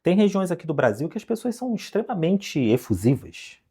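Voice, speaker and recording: Brazilian male English teacher, lively pitch, coaxing rhetorical-question delivery, direct to camera. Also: fairly quick, husky. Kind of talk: online lesson to camera.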